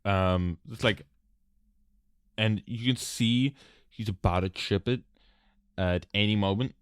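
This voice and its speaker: A man's voice: on the low side, slow, clear, resonant tone, no room sound, studio quality. A man narrating a tabletop game as game master, casual with many fillers.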